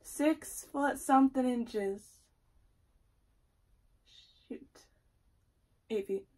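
A woman's voice: high voice, extremely slow, darkish tone, poor audio. A young woman chatting casually and teasingly as co-host of a challenge vlog in a room at home. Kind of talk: casual chat. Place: small room at home, indoors.

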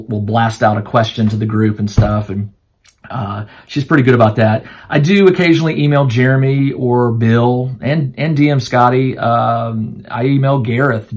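A man at an ordinary, middle pitch chats casually through viewer questions for his tabletop crafting channel. He rambles, trails off and restarts often, filling gaps with "um" and "you know." His voice is starting to wear out. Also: a little mellow. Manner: rambling, with many fillers and restarts. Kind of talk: casual Q&A chat to camera.

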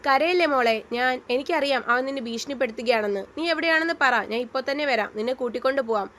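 A woman voicing a gentle young man who soothes and reassures his sweetheart in a read-aloud romance story. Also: sits high, quick pace, slight background noise. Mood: anxious. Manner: soft, coaxing.

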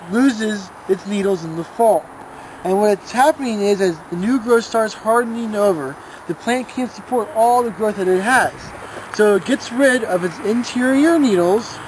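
A young man working at a plant nursery, explaining evergreen care outdoors in an unhurried, explanatory way. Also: high-pitched. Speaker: nursery worker. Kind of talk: outdoor product demo and tips. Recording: outdoor camera audio with clear background noise.

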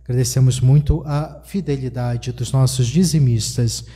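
A middle-aged Brazilian priest leads Mass from the altar of a small chapel. His voice is mellow and dark, and he draws out his prayers in a slow, measured way. The sound carries a long reverb around the room. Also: mid-range voice, steady tone. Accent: Brazilian Portuguese. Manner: measured liturgical delivery with slow drawn-out prayers. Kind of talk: leading a livestreamed Mass. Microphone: stand mic on the altar.

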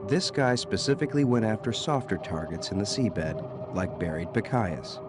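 A man's voice: fairly low pitch, lively intonation, normal speed, heavy background noise. A man giving a scripted, dramatic nature documentary narration in the manner of a storyteller. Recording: music under the voice. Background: music.

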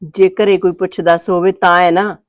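An actress playing a calm village mother with a Punjabi accent, soothing her angry son. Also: normal speed, dry recording, dull audio, lightly acted. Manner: soothing, low-key reassuring. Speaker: mother of the hero.

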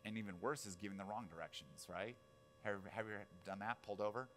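A man's voice: on the low side, fast, slight background noise. A man in his forties, a pastor preaching a casual sermon, telling stories with asides and questions to the audience. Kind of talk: conversational sermon.

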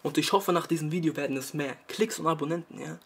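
Husky young man ranting at viewers. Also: a little high, fast talker, fairly bright tone. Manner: exasperated, scolding, tags sentences with "ja?". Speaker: YouTuber. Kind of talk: mock-serious rant to camera.

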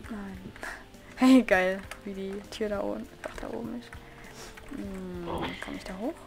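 Chatty, excitable woman gaming with a friend. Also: medium pitch, a little slow, creaky. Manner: excitable, chatty, exclaims at game events. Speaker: Let's Play host. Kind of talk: casual gaming chat.

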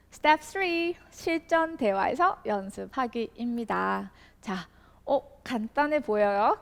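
A Korean-speaking woman teaching English in a video lesson, with frequent checking questions and slow model readings of English sentences. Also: fairly high pitch, big-room sound.

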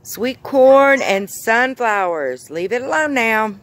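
This is a relaxed home video of a mother touring her backyard vegetable garden, phone in hand, patiently prompting her toddler with simple questions. Her voice is on the high side and animated but slow. There's no echo.

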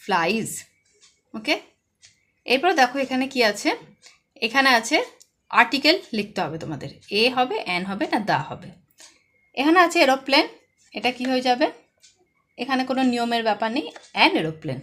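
A woman's voice: a little high, very animated, normal speed, long pauses, a bit bright. A woman with a West Bengal accent teaching an English lesson to young children, posing questions and answering them herself. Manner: asks pupils questions and answers them herself, stresses each word. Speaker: primary school English tutor.

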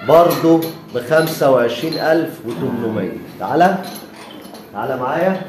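A man's voice: on the high side, fast talker. A man with an Egyptian Arabic accent hawking cattle as a livestock seller, walking viewers through animals with repeated blessings. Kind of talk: sales walkthrough. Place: outdoor cattle pen. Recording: echoey, distant, noisy.

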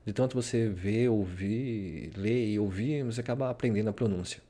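A man from Brazil chats in an unhurried, rambling way, often tacking a questioning tag onto his sentences. His voice sits fairly low and has a dark, mellow tone. It sounds like a casual screen-share video. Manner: rambling, full of "né?" tags. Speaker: vlogger.

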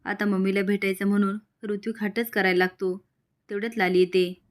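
A woman narrating a recap of a TV serial in a steady, matter-of-fact storytelling way. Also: mid-range voice, fairly quick.

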